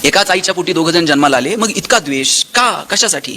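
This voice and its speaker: A motivational speaker from Maharashtra, telling anecdotes and acting out the dialogue. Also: male voice, fairly high pitch, brisk, slight background noise. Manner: animated storyteller, acts out dialogue with shifting tone.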